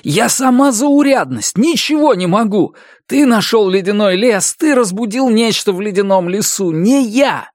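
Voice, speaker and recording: A man reading an audiobook voices a young male musician, guilt-ridden and desperate, who shouts in a hoarse, high, strained voice. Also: expressive, moderate pace, dry recording, studio quality. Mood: anguished.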